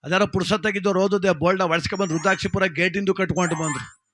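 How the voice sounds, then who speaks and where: A man's voice: high-pitched, quick pace. Comic male storyteller. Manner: lively, animated, village-style banter.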